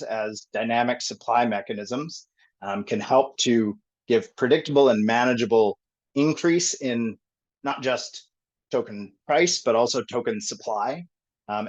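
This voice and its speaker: A man presenting a technical topic on a group call, thinking aloud with many pauses and fillers. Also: medium pitch. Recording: dull lo-fi call audio.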